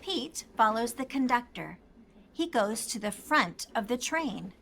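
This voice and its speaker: A lively woman hosts a children's storybook session, reading a scripted story aloud slowly and expressively for young kids and asking them quiz questions. Her fairly high voice is creaky, with a little hiss or hum in the recording.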